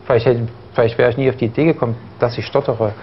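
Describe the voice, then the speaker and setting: Very fast and with fairly even intonation, a young man from East Germany speaks in a mid-range voice as a talk show guest. His studio interview contains frequent fillers and restarts plus occasional stuttering, on dull broadcast audio with faint noise.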